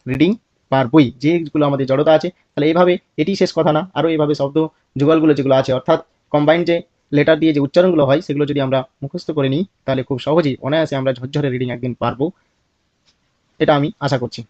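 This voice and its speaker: Brief: male phonics teacher, Bangladeshi accent, a bit high-pitched, spells and repeats words in a dry, slightly dull recording. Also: fairly even intonation, fast talker, darkish tone, no echo. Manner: asks a question and answers it himself, drills words repeatedly. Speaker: English teacher.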